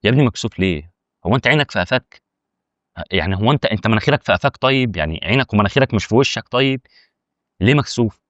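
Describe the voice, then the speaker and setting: An Egyptian man rattles through a casual explainer at a very quick clip, bantering with imagined viewers. His voice sits at an ordinary male pitch. The recording is close and dry, with a muffled, lo-fi tone. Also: lively intonation, no room sound. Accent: Egyptian Arabic. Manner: rapid, chatty, argues with imagined viewer objections. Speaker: YouTube tutorial host. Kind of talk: casual direct-to-camera explainer.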